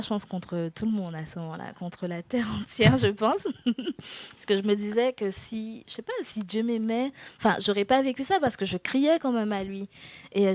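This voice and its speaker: A woman in her twenties giving a personal faith testimony in an interview, earnest and hesitant, with soft laughs. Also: medium pitch, no echo. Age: 20s. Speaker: guest.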